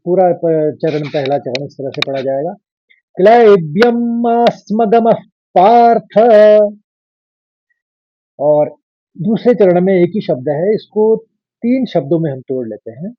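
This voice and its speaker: A man teaching how to pronounce a verse line by line. He chants the lines slowly and loudly, then explains in a low, quiet voice. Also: no room sound, muffled recording. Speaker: Sanskrit recitation teacher. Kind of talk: step-by-step verse pronunciation lesson.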